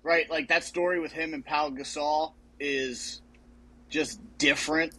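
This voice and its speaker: Jokey young guy on a sports podcast, kinda husky, fairly high voice. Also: steady tone, measured pace, pushed and bright, low-quality recording. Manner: joking, chatty. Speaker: podcast co-host. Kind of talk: casual sports chat.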